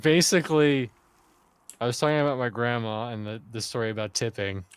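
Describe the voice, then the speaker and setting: A man hosts a loose gaming chat in a flat, deadpan manner that his friends find funny. His voice is smooth and resonant, and it comes across close and dry with no room sound. His delivery is droll and unhurried. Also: medium pitch, no echo. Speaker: streamer and host.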